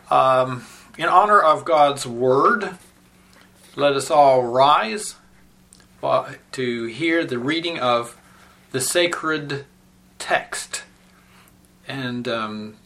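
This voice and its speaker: A man teaching a Bible seminary lesson, speaking deliberately with frequent halting pauses before reading scripture in a solemn, measured way. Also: medium pitch, pushed and bright.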